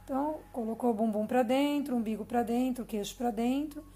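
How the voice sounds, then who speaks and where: A Brazilian woman speaking as a yoga teacher in a calm, instructive manner. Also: a little high, a little fast. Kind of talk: guided yoga class.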